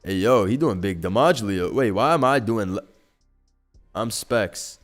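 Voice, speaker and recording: Young guy streaming games, low voice that swings wild, cursing and yelling at plays, slangy, faint music behind. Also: normal speed. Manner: excitable, profane, slangy, swings from mumbling to yelling. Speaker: gaming streamer. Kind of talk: live gameplay commentary.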